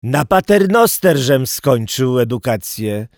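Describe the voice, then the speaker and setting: A man's voice: mid-range voice, big pitch swings, takes it slowly, darkish tone, no echo, studio quality. A man putting on a wheedling street pickpocket. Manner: servile, folksy dialect. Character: cocky street pickpocket, wheedling petty thief.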